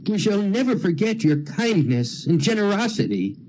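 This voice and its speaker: A man's voice: sits high, very animated, moderate pace. A man voicing a humble, grieving woodcutter in a game, pleading and sorrowful. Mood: grateful. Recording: game audio with clear music.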